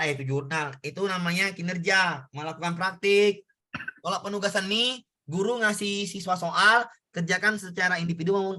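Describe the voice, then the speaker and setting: In an online exam-prep lesson, a man with a high-pitched, pushed, bright voice tutors students, repeating points and coaxing them with questions to check that they understand.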